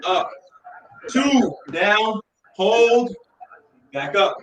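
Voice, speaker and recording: A man coaching like an aerobics instructor, counting reps, calling out exercises and shouting encouragement. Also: high-pitched, expressive, extremely slow, crowd noise. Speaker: fitness coach. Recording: echoey room, distant mic, faint noise.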